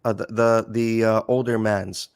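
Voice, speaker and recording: A man's voice: lowish voice, little pitch movement, unhurried, smooth. A man co-hosting a casual reaction chat over a video call, thinking aloud and drifting into tangents. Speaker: co-host.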